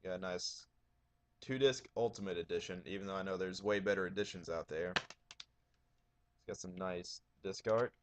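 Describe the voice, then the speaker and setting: Loud, profane male vlogger, casual delivery, slightly low pitch. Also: moderate pace, long pauses, a little hiss or hum. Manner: raising his voice, loud and profane. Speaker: horror DVD collector showing his shelf. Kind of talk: casual video blog.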